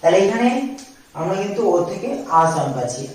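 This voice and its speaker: A man's voice: high voice, very animated, a little mellow, far from the mic. A man teaching English vowel sounds, spelling each word out letter by letter and then saying it. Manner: slow, spells words out letter by letter. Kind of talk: English phonics lesson. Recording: very echoey room, voice from the mic.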